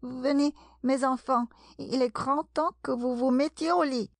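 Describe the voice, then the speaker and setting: A woman's voice: high voice, fairly even intonation, measured pace, dry recording, clean studio sound, voice pushed up. Woman doing a trembling mother canary. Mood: anxious.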